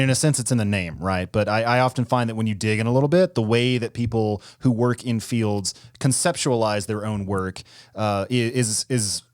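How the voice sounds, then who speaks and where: A man's voice: on the low side, dry recording, clean studio sound. A man hosting a podcast interview, introducing his guest and asking friendly, slightly rambling questions. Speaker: podcast co-host.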